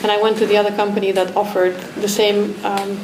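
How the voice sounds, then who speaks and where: A Romanian woman artist, the guest in a talk at an art academy pavilion, speaks a little fast in a medium-pitched, level tone. Reflective in manner, she restarts often and uses plenty of fillers, captured in an echoey room with background noise.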